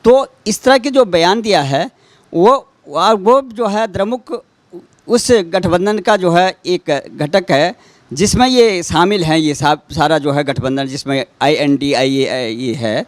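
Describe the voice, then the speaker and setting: A man interviewing, asking long, halting questions padded with fillers. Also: fairly high pitch, no room sound.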